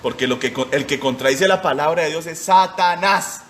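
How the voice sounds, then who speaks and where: A man's voice: on the high side, moderate pace, a bit bright, slight background noise. A man in his forties preaching a short sermon as pastor, emphatic and firing rhetorical questions at his listeners. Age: 40s.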